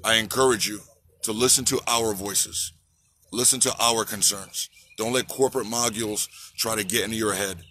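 Captured on a phone held at arm's length, this man in his forties, a trucker activist, speaks at normal speed in a fairly low, steady, sharp-toned voice with slight background noise. Outdoors on a city sidewalk by a park, he delivers a fervent protest speech, repeating slogans and prompting the crowd to respond.

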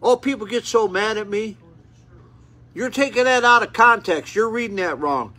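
Eighty-year-old male preacher, seated, high bright voice with a husky edge, fervent delivery. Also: normal speed. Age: 80s. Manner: fervent, rising to exclamations, repeats words and restarts. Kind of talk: seated sermon, reading and expounding scripture. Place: small indoor room with curtains, seated. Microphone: phone camera at close range.

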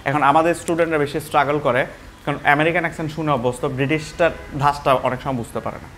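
A man's voice: a little high, fairly even intonation, fast, a bit bright, a little hiss or hum. A man teaching English pronunciation, switching between Bengali and English and repeating example words.

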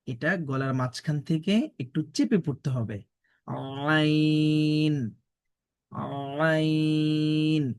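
A man teaching Quran letter pronunciation, stating each letter slowly and carefully, then repeating it. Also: mid-range voice, big pitch swings, breathy edge, no room sound, clean studio sound. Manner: drawn-out, deliberate modeled pronunciations.

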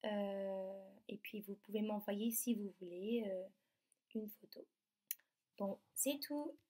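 A woman, teaching young children from her computer at home and slowly sounding out letters and words. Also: medium pitch, steady tone, mellow. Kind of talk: remote lesson for young children. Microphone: computer mic.

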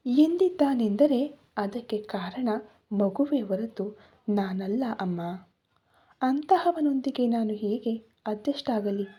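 A woman's voice: a little high, warm tone, breathy edge, heavily acted. A woman voicing a hurt, defiant young mother who pleads tearfully in a storybook reading.

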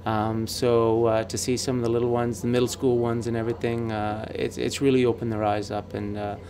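A man, a ship's captain, talking in an on-camera interview on the bridge, relaxed and pausing with many fillers. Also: mid-range voice, a little hiss or hum.

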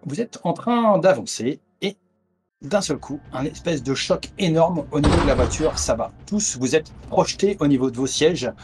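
A man's voice: on the high side, animated, normal speed, music in the background. A man narrating a tabletop horror game as game master over a video call, with many hesitant fillers. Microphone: headset on a video call.

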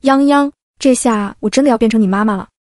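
A woman playing a middle-aged mother in a storybook reading, coaxing and chiding. The voice is slightly high. The sound is dry and close. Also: quick pace, a little mellow, dry recording, close to an everyday voice.

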